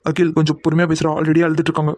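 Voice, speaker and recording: A man voicing several young men in a Tamil cartoon drama, talking quickly and heatedly as they bicker. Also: fairly high pitch, monotone, darkish tone. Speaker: voice actor for several male cartoon characters.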